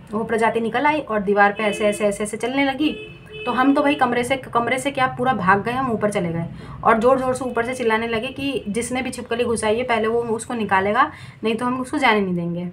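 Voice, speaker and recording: A woman's voice: medium pitch, slight background noise. Chatty woman tarot reader telling a story. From Bengali family. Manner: animated storytelling, mixing in English words. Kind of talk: casual chat. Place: indoor room at home.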